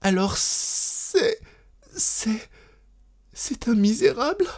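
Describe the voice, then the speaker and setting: A man's voice: high voice, slow pace, a little mellow, pitched above the performer's own voice. A man voicing a frightened young bride, tearful and pleading, in a raised, trembling voice. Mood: distraught.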